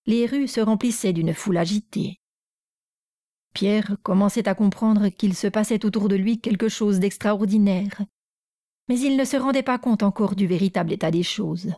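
A woman reading a classic novel aloud in a measured, even storytelling voice. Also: mid-range voice, dry recording, clean studio sound. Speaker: narrator.

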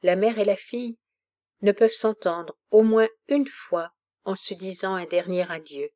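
Une noble mère mourante parle avec une dignité calme et grave, lue par une femme. La voix est douce et sombre. Le débit reste posé et mesuré. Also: female voice, medium pitch, a little slow, lightly acted. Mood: dignified. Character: dying noble mother, dignified and calm.

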